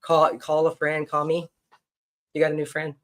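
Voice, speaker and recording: A man's voice: on the high side, completely flat delivery, moderate pace. A man hosting a casual podcast conversation, chatty, blunt and teasing with his guest. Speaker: podcast host.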